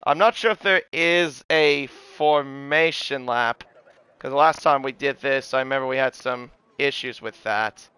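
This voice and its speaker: A man's voice: medium pitch, unhurried, pushed and bright, smooth. A man giving live play-by-play motorsport commentary on an online race, often correcting himself as he goes. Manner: hesitant asides, self-correcting, exclaims at incidents.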